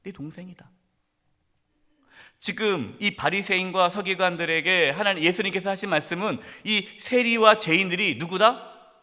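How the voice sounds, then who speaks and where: A middle-aged male pastor with a fairly high voice delivers a sermon, rising to forceful rhetorical questions and dropping to hushed near-whispers. His voice rings with the long reverb of a church sanctuary. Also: moderate pace. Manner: swings between loud emphatic questions and hushed near-whispers.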